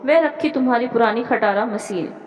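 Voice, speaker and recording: A woman's voice: on the high side, normal speed, a little mellow, big-room sound, natural voice. A woman voicing a resentful, plotting young daughter-in-law who talks in a sulky, defiant way.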